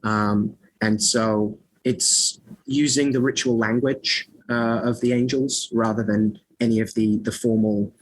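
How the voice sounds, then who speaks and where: A scholar and author of magic, guesting on a podcast interview, speaks in a fairly low voice that's unhurried with fairly even intonation. He rambles, peppering his talk with fillers, restarts and self-mocking remarks, and the rough recording carries slight background noise.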